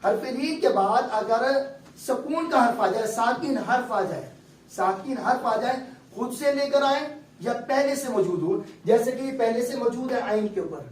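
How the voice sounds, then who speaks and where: A man's voice: very high voice, animated. A male recitation teacher giving a patient classroom lecture, explaining step by step and checking often that his students follow. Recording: echoey room, distant mic, faint background hum.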